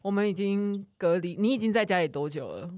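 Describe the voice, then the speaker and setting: A Taiwanese woman co-hosts a casual podcast while speaking through a face mask. Her medium-pitched voice sounds a little covered by the mask, in a dry space with hardly any echo. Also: lively intonation, fairly quick, a little mellow. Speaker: podcast co-host.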